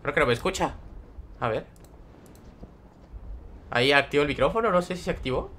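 A young man talks through a live game stream, greeting viewers by name and reading their chat out as he plays. His voice sits high and bright, light and forward. He keeps up a loose, friendly patter. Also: expressive, brisk, a little hiss or hum. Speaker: gaming streamer.

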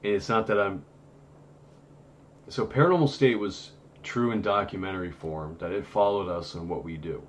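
A man's voice: low voice, moderate pace, a little hiss or hum. A man in his thirties hosting a casual live stream from a home studio, talking in a loose, rambling way with many fillers and restarts. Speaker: host of a paranormal live stream.

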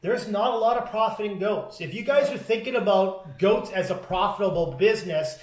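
A man with a fairly high voice talks casually across a kitchen table, walking through what the animals will cost. The sound bounces around the kitchen, picked up by a camera a little way off. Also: normal speed. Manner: practical, talks through costs, hands moving. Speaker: homestead channel co-host. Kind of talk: casual chat. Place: home kitchen, indoors. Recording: echoey kitchen.

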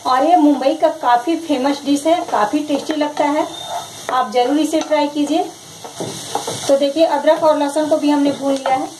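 A woman with a high-pitched voice narrates a home recipe one step at a time. She sounds calm and instructive and repeats each step. There is faint background noise over the kitchen sounds. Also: moderate pace. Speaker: cooking channel host.

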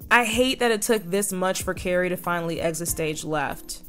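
A woman's voice: on the low side, moderate pace, soft background music. A young woman in her twenties narrating a video essay with sardonic, opinionated commentary.

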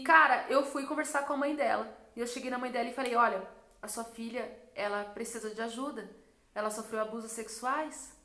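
A woman's voice: high-pitched, bright, forceful tone. A young Brazilian woman vlogger telling a personal religious story with intense emotion and a lot of repetition. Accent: Brazilian Portuguese. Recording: echoey room.

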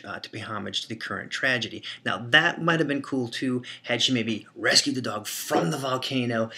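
A man in his forties from Wisconsin, presenting to camera in a jokey, energetic way and chatting with a dog owner outdoors. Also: mid-range voice, gravelly, slightly rough. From Wisconsin, USA. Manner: jokey, energetic, quick to laugh. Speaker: host audition. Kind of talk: upbeat to-camera presenting and casual interview. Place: outdoors by a cornfield and a farmhouse yard. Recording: outdoor camera audio with background noise.

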